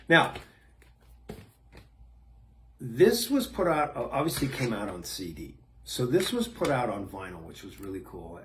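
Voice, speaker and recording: A middle-aged man talking casually to camera about an old album, halting with many ums and uhs. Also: on the low side, a little hiss or hum. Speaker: former band member hosting his video series.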